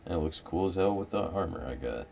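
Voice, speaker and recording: A man's voice: low-pitched, lively intonation, fast, vocal fry. A man chatting casually while gaming in a laid-back way, reading item stats aloud. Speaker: gamer. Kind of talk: casual gameplay chat.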